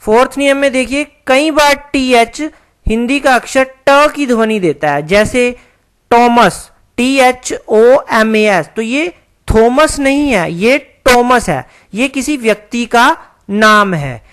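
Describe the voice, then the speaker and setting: Slow, careful woman teaching English. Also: a little high, expressive. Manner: slow, careful explaining, spelling words out letter by letter. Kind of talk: online language lesson.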